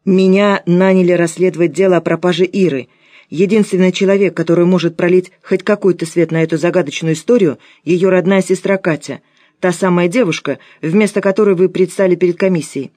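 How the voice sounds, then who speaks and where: A woman reading an audiobook, voicing a calm, wry male private detective in a measured, soft tone. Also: lowish voice, no echo, clean studio sound, close to an everyday voice.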